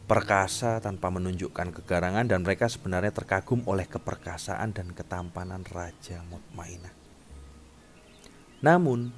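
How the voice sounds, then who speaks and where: Male storyteller, low voice, measured dramatic reading of an old tale. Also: a little hiss or hum. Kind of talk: storytelling narration.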